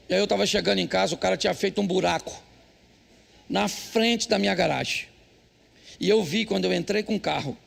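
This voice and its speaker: Gravelly high-voiced Brazilian pastor. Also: male voice. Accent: Brazilian Portuguese. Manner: joking, teasing, addresses husbands bluntly. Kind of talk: humorous sermon with storytelling. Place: church service.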